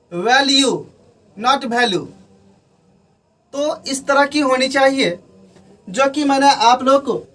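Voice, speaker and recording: A man teaching English pronunciation at a board in a classroom-style lesson, slowly spelling out words letter by letter. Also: very high voice, a bit bright, distant mic. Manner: slow, explanatory, spelling out letters one by one. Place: room with a board.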